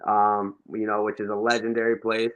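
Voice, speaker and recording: A man's voice: on the low side, monotone, normal speed, a bit bright, lo-fi sound. A young man, a professional soccer forward, casually recounting his career in a laid-back way during an interview.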